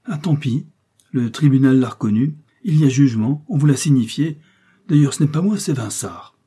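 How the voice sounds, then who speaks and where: A man's voice: medium pitch, lively intonation, normal speed, mellow, husky. A man reading a classic novel aloud, voicing a scheming merchant who mocks and bullies a woman in debt. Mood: mocking. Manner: mocking, ironic, bullying. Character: scheming cold male shop merchant moneylender.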